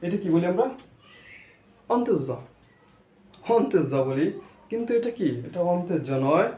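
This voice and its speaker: A male teacher gives a pronunciation lesson. He keeps quizzing the class, answers his own questions and repeats each sound slowly. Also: high-pitched, animated. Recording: echoey room, dull lo-fi sound.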